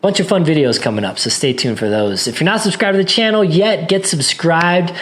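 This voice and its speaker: A man's voice: a little high, lively intonation, a little fast, a bit bright. A man talking casually to viewers in a tech review vlog, rambling with many restarts, his voice a little worn.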